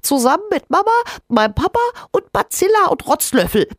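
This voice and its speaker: A woman voicing a tiny, cheerful male cold creature in a storybook reading, in a very high, squeaky voice. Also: sing-song, a little fast, no room sound, clean studio sound.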